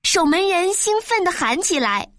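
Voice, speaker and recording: High-voiced woman reading a storybook. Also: big pitch swings, normal speed, fairly bright tone, no room sound, studio quality. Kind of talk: children's storybook narration.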